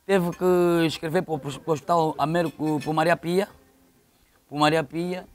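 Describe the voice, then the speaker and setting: A local football official with an Angolan accent, middle-aged, talks briskly in a voice on the high side with fairly even intonation. Being interviewed as a guest, he tells stories conversationally and repeats phrases for emphasis.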